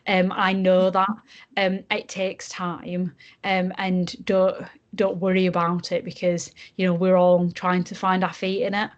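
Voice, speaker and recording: Young yorkshire woman, broad accent, lowish flat voice, lots of ums, chatting on a podcast, slightly muffled audio. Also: a little slow. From Yorkshire, England. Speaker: junior barrister, podcast guest. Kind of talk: casual podcast interview.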